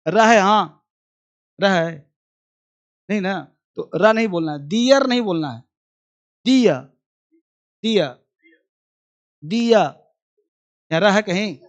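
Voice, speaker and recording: Brief: Indian male English teacher in a classroom, unhurried drill-style delivery, repeats words for the class. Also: high voice, dull audio. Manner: repeats sounds and words for students to copy, gives brisk instructions.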